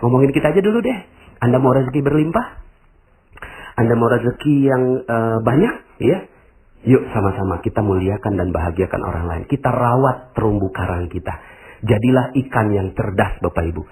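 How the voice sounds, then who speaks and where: Animated male preacher. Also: medium pitch, a little fast, poor audio. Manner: animated, acts out quoted voices, addresses audience directly. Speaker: Islamic preacher. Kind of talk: motivational religious talk.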